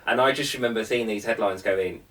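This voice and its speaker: A man's voice: lowish voice, fairly quick, a bit bright, recorded from a distance, poor audio. A man hosting a podcast interview, talking bluntly and casually. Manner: blunt, conversational, drops "ain't". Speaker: podcast host.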